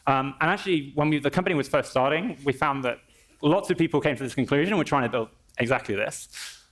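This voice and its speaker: A man presenting a live software demo on a conference stage, explaining in a conversational way with frequent restarts. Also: medium pitch, fast talker. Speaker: engineer presenting a product demo.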